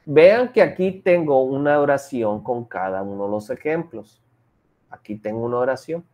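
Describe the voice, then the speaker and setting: A woman's voice: rumbling low, lively intonation, moderate pace, warm tone. A woman teaching an English class online, explaining patiently step by step and mixing English example sentences into her talk.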